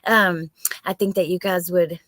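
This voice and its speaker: A woman's voice: on the low side, fairly even intonation, unhurried, fairly bright tone, no echo. A woman hosting a livestream in casual, informal, giggly chat. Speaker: live stream host.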